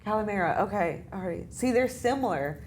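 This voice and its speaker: A woman's voice: medium pitch, lively intonation, brisk, a little hiss or hum. A young American woman, a student, chatting casually in an interview with lots of filler phrases. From United States. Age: young adult. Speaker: study abroad student guest.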